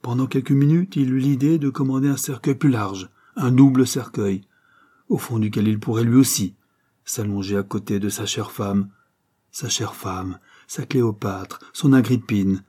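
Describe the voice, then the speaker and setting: A man reading a literary story aloud in an expressive, dramatic way. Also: mid-range voice, moderate pace, breathy edge. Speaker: audiobook narrator.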